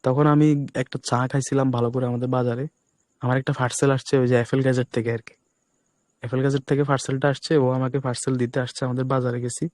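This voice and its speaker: A hoarse man runs a live online class at a quick clip, his voice low and soft as if to save it. The sound is dry and close, with no room echo. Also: little pitch movement. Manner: speaks deliberately softly to spare his voice. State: hoarse, voice breaking. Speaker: trading instructor.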